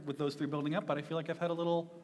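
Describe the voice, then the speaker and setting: Very fast-talking man, echoey hall. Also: on the high side, level tone, darkish tone. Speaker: panel guest in a wing challenge. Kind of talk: casual unscripted talk. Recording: echoey hall with long reverb.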